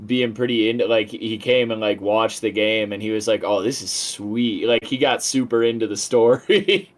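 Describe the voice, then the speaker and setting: A young male streamer chatting casually while he plays, rambling from thought to thought. His voice sits a little low, and he drops casual swears as he gets excited about games he loves. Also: moderate pace. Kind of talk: casual live-stream chat while gaming.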